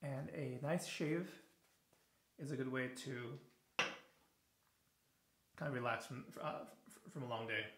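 A man in his thirties talks loosely through a shave, tired after a long day and full of "uh"s and restarts. His voice sits at an ordinary middle pitch. The small tiled bathroom gives everything a roomy echo. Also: measured pace, pauses often, slight background noise. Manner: relaxed, rambling, frequent fillers and restarts. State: a little tired in the evening. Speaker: shaving video host. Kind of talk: casual product review while shaving. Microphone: camera on the counter at close range. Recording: echoey bathroom.

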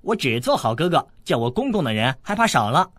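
A man's voice: a little high, sing-song, a little fast, a bit bright, dry recording, voice pushed up. Man voicing a brash boy rogue, audiobook, bragging and mocking. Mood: brash teasing. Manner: boastful, teasing, crude. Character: cheeky brash teenage boy rascal.

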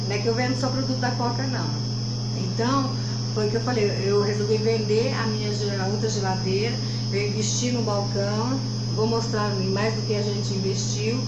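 A woman in her forties, a shop owner, chatting casually as she shows viewers around her small grocery shop, often tagging phrases with quick check-ins. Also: mid-range voice. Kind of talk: casual guided shop tour. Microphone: handheld phone camera at arm's length. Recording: roomy phone audio with loud hum.

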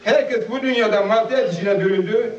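A man in his fifties giving a halting, nervous speech at a gathering and reciting a heartfelt poem. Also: high-pitched. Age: 50s. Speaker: guest speaker at a farewell gathering. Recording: echoey, distant, dull lo-fi home video.

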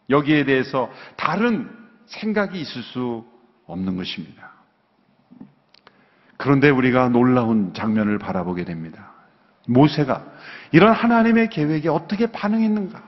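A man preaching a Sunday sermon, earnest, with sudden swings between loud emphasis and quiet low asides. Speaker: pastor. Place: large church sanctuary. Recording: dull church broadcast with long hall reverb.

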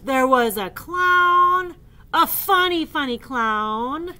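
A gloomy big elephant wails his sorrows loudly in a storybook read-aloud, as a woman puts him on. The voice sits high and draws every word out slowly. His manner is mournful and loud. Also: expressive, full character voice. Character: sad gloomy male elephant, big and slow.

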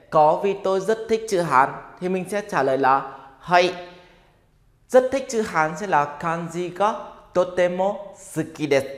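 Man, language teacher, upbeat, questioning students, long room reverb. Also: on the high side. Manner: upbeat, asks students questions and has them repeat. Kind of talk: grammar lesson for Vietnamese learners.

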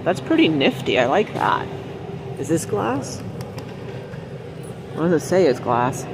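A woman filming a casual shop-with-me vlog in a large warehouse store. She chats as she goes, reads prices aloud and drops quick excited exclamations. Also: low-pitched, noisy background. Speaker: shopping vlogger. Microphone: handheld phone camera while shopping.

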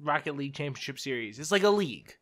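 A young man co-hosting a casual podcast chat, excitable and rambling with lots of fillers. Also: fairly high pitch, quick pace. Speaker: podcast co-host.

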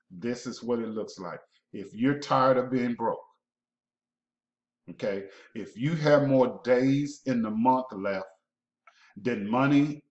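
A man giving a sales pitch over a screen recording, pushy and repetitive, checking in with "okay?" again and again. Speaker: mail-order program promoter. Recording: roomy, dull lo-fi sound.

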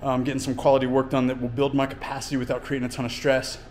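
A man's voice: medium pitch, monotone, racing, a little mellow, slight background noise. Winded man explaining a workout. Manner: explains training plainly between efforts, with fillers. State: out of breath. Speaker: fitness coach. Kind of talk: casual workout vlog talk. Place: home gym and outdoors in winter.

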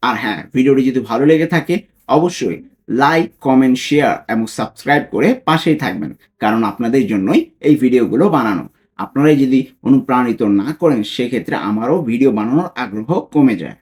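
A language tutor from Bangladesh talks through a lesson with a lively, swooping pitch. Each foreign phrase gets spelled out slowly, one word at a time, before every word is glossed. The tone is that of a patient teacher recording a lesson video.

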